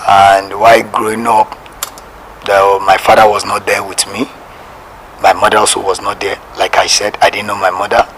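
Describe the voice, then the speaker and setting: A man's voice: on the low side, little pitch movement, moderate pace, a bit bright, slight background noise, rough recording. A man from Nigeria, a church apostle, telling his life story as an interview guest, hesitant and with repeated phrases. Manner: hesitant, with fillers and repetitions. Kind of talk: personal testimony.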